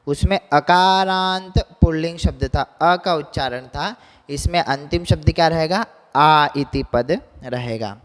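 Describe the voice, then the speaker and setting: Man, teacher, slightly high voice, repeats words, checks in often, long room reverb. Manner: explains slowly, repeats words and keeps checking "right?". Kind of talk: classroom lesson explanation.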